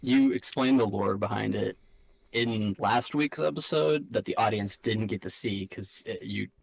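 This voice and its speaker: A man's voice: fairly low pitch, a little slow, creaky, no echo, poor audio. A man co-hosting a podcast over a video call, chatting casually in a laid-back, dry way. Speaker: podcast co-host. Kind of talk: casual chat. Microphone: video call microphone.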